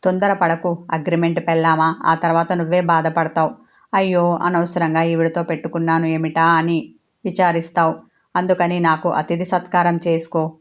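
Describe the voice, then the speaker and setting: Woman voicing a sarcastic, taunting young female rival in a storybook; low-set voice, narrow in pitch. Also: flat delivery, normal speed, lightly acted.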